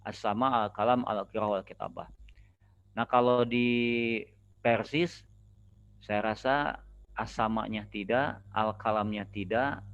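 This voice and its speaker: A man's voice: on the low side, steady tone, slow pace, long pauses, dull audio. A man with a Sundanese accent giving an informal lecture, explaining step by step and repeating key terms. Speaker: Islamic studies lecturer.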